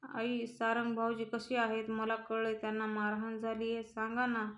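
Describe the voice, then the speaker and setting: A woman's voice: on the high side, normal speed, roomy sound, close to an everyday voice. Woman reading as an anxious young wife. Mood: pleading. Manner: flat monotone reading. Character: devoted young daughter-in-law, anxious. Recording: dull lo-fi recording.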